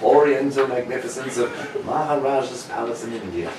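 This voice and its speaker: A man playing an excitable, admiring gentleman doctor in an old-time radio drama, exclamatory and avuncular. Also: mid-range voice, fairly quick, close to an everyday voice. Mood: jovial storytelling. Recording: very echoey room, distant mic, noisy.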